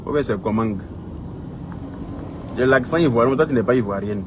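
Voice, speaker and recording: A man with an Ivorian French accent lectures an absent rival in a heated online rant. He repeats his points and fires off rhetorical questions, his voice sitting at an ordinary middle pitch. A faint hum of noise stays in the background. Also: fairly quick. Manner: scolding, repetitive, rhetorical questions. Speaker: social media commentator. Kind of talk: heated direct-address rant.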